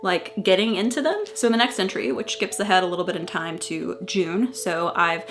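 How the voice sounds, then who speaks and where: A young woman in a casual, animated, self-mocking and giggly manner, chatting and reading aloud from an old diary. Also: on the low side, normal speed, faint music behind. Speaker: vlogger.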